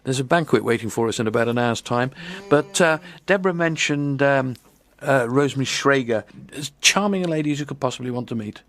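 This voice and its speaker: A man's voice: medium pitch, brisk, a bit bright, slight background noise. A man hosting a live local radio show, chatting casually and joking with many fillers. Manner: jokey, rambling with fillers. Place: broadcast from a stadium room.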